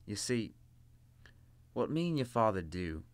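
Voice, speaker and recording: A man's voice: on the low side, sing-song, a little slow, no room sound. A man voicing a dry, sarcastic demon hunter.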